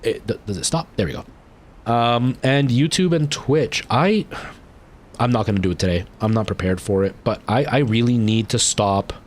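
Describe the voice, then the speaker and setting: At a moderate pace, a young man chats with viewers as his game stream ends, rambling and restarting with lots of filler words. Excitement pushes his voice higher, and a faint hiss or hum runs under the audio.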